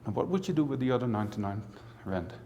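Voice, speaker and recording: A man grown up in the Netherlands, now a university professor, gives a conversational conference talk with dry jokes and asides to an audience in a large auditorium. He speaks fast and animated in a warm, mid-range voice. The recording has long hall reverb and a little hiss or hum.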